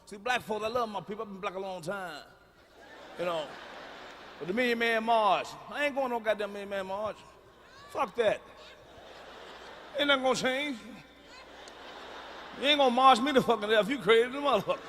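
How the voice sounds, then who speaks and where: High bright-voiced guy doing standup, cussing loud the whole set, echoey live hall. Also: moderate pace, long pauses, slight background noise. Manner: profane, loud storytelling with sudden hollers. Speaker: stand-up comedian. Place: comedy stage before a live audience. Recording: live hall recording with reverb.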